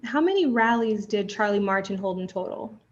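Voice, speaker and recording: A young female trial advocate questions a witness and addresses the bench, measured and formal yet animated, in a medium-pitched voice. The courtroom recording has its highs cut off.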